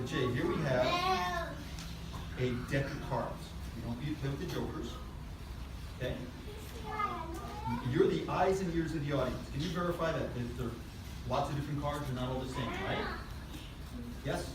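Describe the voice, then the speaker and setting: Playful kids' party magician in an echoey room. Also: male voice, on the high side. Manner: playful, coaxing, instructing a child volunteer. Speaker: stage magician. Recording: very echoey, noisy room, distant mic.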